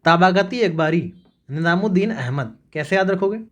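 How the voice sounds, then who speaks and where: A man with a high, fairly bright voice runs an exam-prep revision lesson, drilling facts through mnemonics. He keeps it brisk and repetitive, saying "याद रखना" (remember this) and "ठीक है" (okay) again and again.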